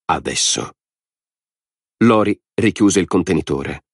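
A man reading an audiobook in steady, scripted narration. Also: deep voice, normal speed, dry recording, clean studio sound. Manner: steady, even storytelling.

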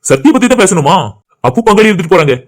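Cartoon role: a man doing a smug young groom, high-pitched, teasing, rapid-fire. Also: lively intonation. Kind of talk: cartoon voice acting.

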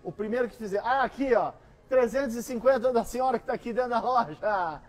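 A middle-aged man with a Brazilian accent working as an auctioneer, coaxing higher bids with repeated calls and pitching items to buyers. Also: brisk, soft background music. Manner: repetitive, coaxing bid-calling. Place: large busy antiques store hall, indoors.

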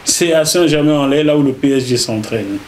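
A middle-aged man with a Cameroonian French accent, a journalist recounting his career as an interview guest, animated and repeating words as he goes. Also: a little high, a little fast, a little hiss or hum. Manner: animated, repeats words while telling a story. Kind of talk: casual interview storytelling.

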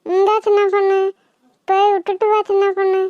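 A woman's voice: very high voice, completely flat delivery, brisk, warm tone, no room sound. A woman voicing a desperate female ghost mother in a cartoon, begging over and over for help to see her child. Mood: pleading. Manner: begging, repeats pleas over and over. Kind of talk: cartoon voice acting. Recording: dull lo-fi, dry.

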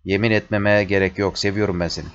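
A man's voice: on the low side, level tone, fast, a little hiss or hum, natural voice. A man reading the part of a frightened woman who pleads tearfully with her lover. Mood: pleading. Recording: dull lo-fi recording.

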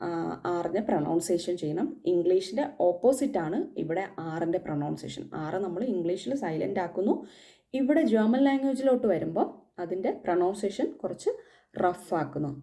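A woman's voice: on the low side, warm tone. A woman from Kerala teaching the German alphabet in a casual spoken lesson, patiently repeating each letter.

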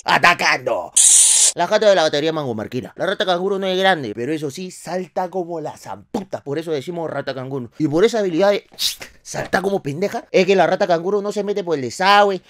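A young man with a Lima accent tells a comic story as a podcast host, slangy, with loud bursts and low asides. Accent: Lima Spanish. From Peru.

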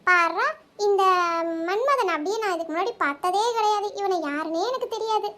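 A very high, sharp-tongued young woman. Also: expressive, brisk. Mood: mocking. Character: outspoken young woman in a quarrel. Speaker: cartoon character. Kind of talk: cartoon voice acting.

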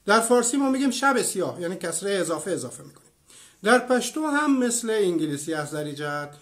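A man in his fifties from Iran gives an online lecture. He explains at an even pace, offers many examples, and stops to answer comments from viewers. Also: high voice. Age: 50s. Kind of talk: online lecture with live chat.

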